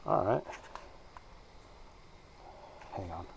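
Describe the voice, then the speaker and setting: A man hosting a casual night-time paranormal investigation, talking hesitantly and calling out repeated questions. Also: quick pace. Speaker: ghost hunt investigator and host. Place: small stone cemetery crypt at night. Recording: noisy location sound with vehicle rumble.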